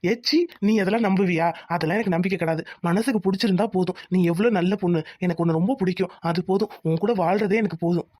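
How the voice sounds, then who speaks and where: A woman voicing a gentle, devoted young village husband who works as a mechanic. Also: fairly low pitch, no room sound, lightly acted. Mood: tender. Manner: gentle, reassuring, quick talk. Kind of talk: cartoon voice acting.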